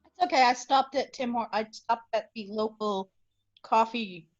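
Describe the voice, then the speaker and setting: A woman's voice: a little high, normal speed, muffled recording. A woman playing her character at a tabletop game, cheerful and chatty. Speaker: player voicing Bruce.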